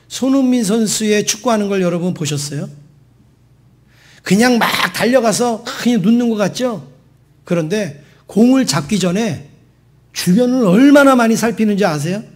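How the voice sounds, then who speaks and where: A male pastor preaching a Sunday sermon in a conversational way, often asking the congregation questions. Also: extremely high pitch. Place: church sanctuary.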